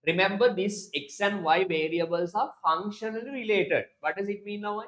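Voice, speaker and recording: Brief: Sri male economics teacher, slightly raised pitch, drills terms and quizzes students. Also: moderate pace, fairly bright tone. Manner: repetitive, drilling key terms and questioning students. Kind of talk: online class lecture.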